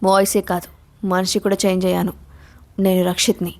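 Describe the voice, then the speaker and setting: A woman's voice: medium pitch, fairly even intonation, a little mellow, lightly acted. A woman doing a grave young gangster. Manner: grave and slow. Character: menacing young man, gangster, gruff.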